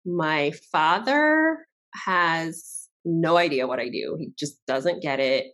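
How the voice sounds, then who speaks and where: A woman from Barbados talks with a low pitch as a guest in a casual interview. Her talk is chatty and relaxed, and she laughs easily between her points. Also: slow. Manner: chatty, laughs often, lively asides.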